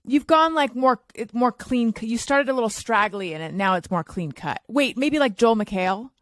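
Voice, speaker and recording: A woman's voice: on the high side, animated, normal speed, fairly bright tone, no echo, clean studio sound. Wry woman co-hosting a podcast. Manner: wry, teasing. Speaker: podcast co-host. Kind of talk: casual chat.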